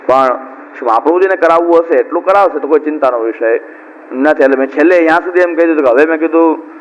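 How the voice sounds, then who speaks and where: A man's voice: a little high, fast, big-room sound. A middle-aged man giving a devotional discourse as a preacher, talking in a conversational way and repeating points for emphasis. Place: discourse hall at a religious camp. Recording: dull lo-fi with faint hiss.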